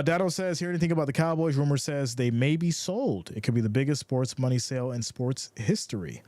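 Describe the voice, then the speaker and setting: A man calls a football game for his livestream audience, reading out viewer comments between plays in an easygoing way. His voice sits in an ordinary middle pitch. The sound is close and dry, with no room around it. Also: a little mellow, dry recording. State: has the hiccups. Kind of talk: casual play-by-play and chat reading.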